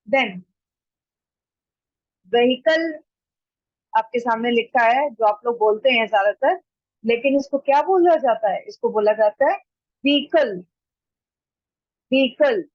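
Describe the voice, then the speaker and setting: A woman teaching pronunciation in an online class. She repeats each word slowly and deliberately, mixing Hindi and as she explains. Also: fairly high pitch, no room sound, muffled recording. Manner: slow, deliberate repetition of words to model pronunciation. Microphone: computer mic during a screen-shared online class.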